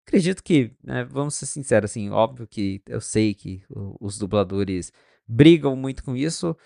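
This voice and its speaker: Guy chatting on a tech podcast, gravelly voice, animated, dry mic. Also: mid-range voice, moderate pace, no room sound. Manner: animated, chatty, quotes friends in dialogue. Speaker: podcast co-host. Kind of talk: casual tech chat.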